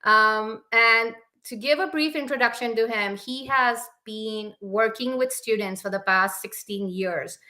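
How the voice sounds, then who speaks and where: A woman's voice: on the high side, measured pace, hardly any pauses, bright, forceful tone. A young woman hosting a live interview show over a video call, friendly and repeating words for emphasis. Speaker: podcast host.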